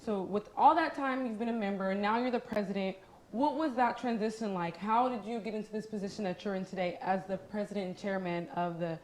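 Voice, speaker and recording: A woman's voice: mid-range voice, a little fast, darkish tone, roomy sound, a little hiss or hum. A woman hosting a studio interview, asking friendly, long, multi-part questions. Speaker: interviewer, network host.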